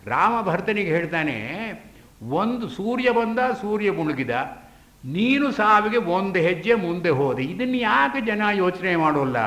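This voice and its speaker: A man lecturing on an old epic, chanting Sanskrit verses and then explaining them in a slow, deliberate way. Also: high voice, a bit bright, roomy sound.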